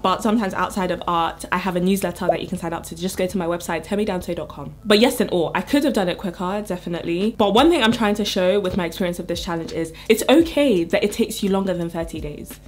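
Chatty young woman, playful laughs. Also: medium pitch. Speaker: art YouTuber. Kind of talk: casual vlog talk to camera.

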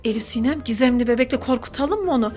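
A woman's voice: fairly high pitch, expressive, quick pace, darkish tone, soft background music. A woman acting as a mother in a staged family skit at home, gasping and scolding as she talks to her child. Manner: exclamatory and scolding, with gasps.

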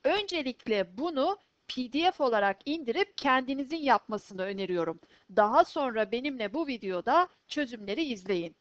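A woman teaching an English vocabulary lesson, slowly and clearly pronouncing each word twice for students to repeat. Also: on the high side, lively intonation, no echo, highs cut off.

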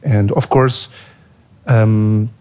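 A man's voice: lowish voice, fairly even intonation, very slow, darkish tone, clear, resonant tone. A man with a Portuguese accent asking a filmmaker a polite question from the audience, hesitant with many fillers.

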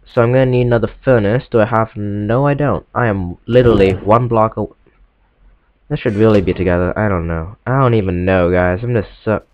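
Sounding congested from a cold, this teenage boy talks fairly quickly in a lowish voice while commenting on his gameplay in a casual let's-play. His rambling is apologetic and self-deprecating, and the lo-fi recording carries faint game music in the background.

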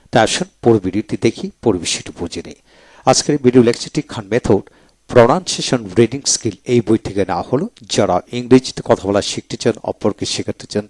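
A man teaching English pronunciation in a video lecture, saying each word and repeating it in a slow drill. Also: medium pitch, darkish tone, dry recording.

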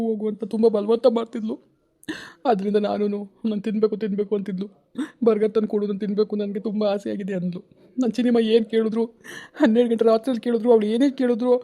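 Tearful man with a flat, dark voice. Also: sits high. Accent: Kannada. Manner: tearful, pleading, repeats phrases. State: crying. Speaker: family vlog host. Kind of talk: emotional personal vlog talk to viewers.

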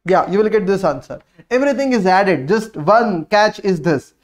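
High-pitched North Indian man teaching. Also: animated, moderate pace. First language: Hindi. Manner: instructive, repeats key phrases and asks himself questions; mixes Hindi words into English. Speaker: accountancy teacher. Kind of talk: lively classroom exam coaching, working through problems.

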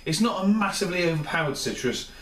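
Expressive and fast, this high-sitting, fairly bright male voice comes from a tired thirtysomething rambling through a beer review with casual enthusiasm. He's recorded from a distance by a camera mic a few steps off in his small kitchen, giving roomy off-mic audio with a little hiss or hum.

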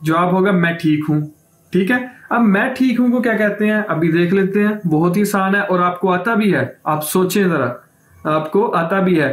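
A man teaching a language lesson, stretching out each new word slowly and quizzing the viewer with questions he answers himself. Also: high voice, reverberant. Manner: slow drawn-out repetition of words; asks the viewer questions, then answers them. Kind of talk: classroom lesson explanation.

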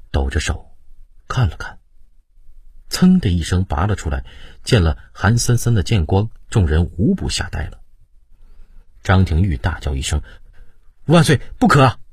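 A middle-aged man narrates a historical novel in a very low, breathy-husky voice. He tells it slowly and dramatically, his pitch sweeping widely. The recording is close and dry. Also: dry recording. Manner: expressive storytelling with sweeping pitch. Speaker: audiobook narrator.

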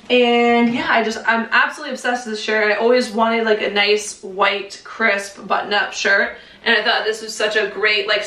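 A woman's voice: medium pitch, sharp tone. A young woman vlogger chatting casually about her clothes, with lots of "like" and "um", recorded in a half-empty room that echoes. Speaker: fashion vlogger. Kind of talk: casual haul chat. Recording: echoey bare room, voice far from mic.

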